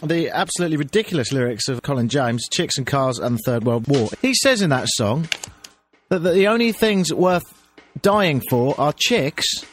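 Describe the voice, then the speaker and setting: A man's voice: fairly high pitch, animated, moderate pace, soft background music. A man ranting on an older archived radio clip, mocking and exasperated. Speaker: radio host.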